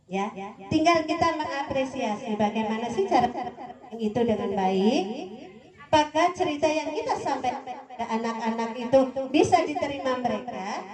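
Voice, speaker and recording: A woman teaching mothers how to tell stories, playful and animated, laughing often as she explains. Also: high-pitched. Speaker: storytelling trainer. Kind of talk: workshop talk to mothers. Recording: echoey hall with a crowd.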